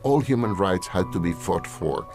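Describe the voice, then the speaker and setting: Deep-voiced man speaking earnestly over music. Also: animated, normal speed. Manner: earnest, with small restarts. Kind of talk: speaking in a promotional video.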